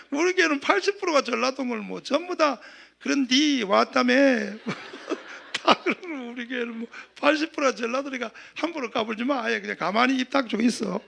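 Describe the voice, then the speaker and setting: Male pastor from southeastern Korea, middle-aged, high gravelly voice, animated sermon delivery. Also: moderate pace. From Gyeongsang region, South Korea. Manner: animated, acts out quoted voices, calls for amens.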